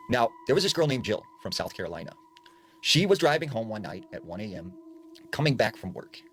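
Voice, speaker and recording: Guy telling a creepy story, low voice swinging all over, little bit of hiss behind. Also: brisk. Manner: animated storytelling, acts out voices. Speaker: storyteller in a TikTok clip. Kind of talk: spooky story narration.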